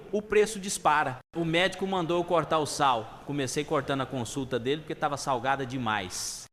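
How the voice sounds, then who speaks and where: A man telling a string of scripted jokes in deadpan style, landing each punchline plainly. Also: high-pitched, big-room sound. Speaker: comedy storyteller. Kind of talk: scripted joke narration.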